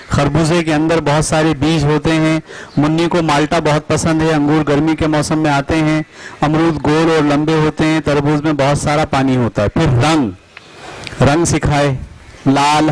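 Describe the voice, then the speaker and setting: Man, teacher trainer, fairly high voice, slow and deliberate, faint room hiss. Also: poor audio. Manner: spells words out letter by letter, slow and deliberate. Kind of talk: teaching Urdu spelling to teachers.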